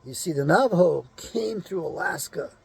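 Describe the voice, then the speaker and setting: A man's voice: high-pitched, animated, normal speed, vocal fry, darkish tone, husky, dry recording. A man hosting his own show, talking in a blunt, rambling monologue full of cursing and rhetorical questions. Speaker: show host.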